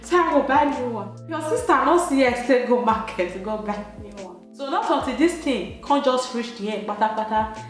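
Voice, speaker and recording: A beauty vlogger with a Nigerian Pidgin English accent chats casually through a makeup tutorial, playful and emphatic. Her voice is a little high and expressive at a moderate pace, recorded in a very echoey room with light music behind.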